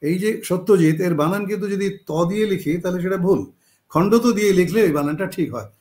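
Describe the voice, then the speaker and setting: Guy with a pretty high voice teaching spelling, slow, keeps pausing and correcting himself. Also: a little mellow. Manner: explains slowly with frequent pauses and self-corrections. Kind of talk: spoken lecture on spelling and word roots.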